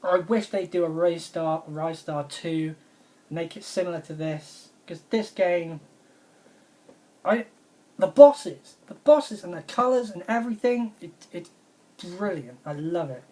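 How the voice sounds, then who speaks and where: A woman's voice: lowish voice, animated, unhurried, mellow. A woman, casually reviewing her favourite retro video games in an enthusiastic, rambling way and repeating her praise. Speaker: video game vlogger.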